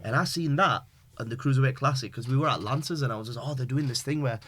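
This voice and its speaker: A young man from Pakistan, guesting as a wrestler on a laid-back podcast, speaks at a quick pace in a medium, a bit bright voice. Loose and meandering, he fills his talk with fillers and British slang.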